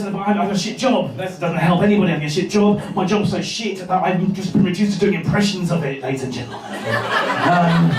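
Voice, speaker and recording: A male stand-up comedian from England with a high voice, rambling through his set with hesitant fillers and deadpan delivery. He is recorded in a roomy club, heard from a distance with the audience around him.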